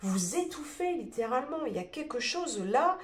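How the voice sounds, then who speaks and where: A woman's voice: high voice, sing-song, moderate pace. Stuffy-nosed woman reading tarot, roomy sound. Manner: searching, many fillers and restarts. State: stuffy nose from a cold. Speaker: tarot card reader. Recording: roomy echo.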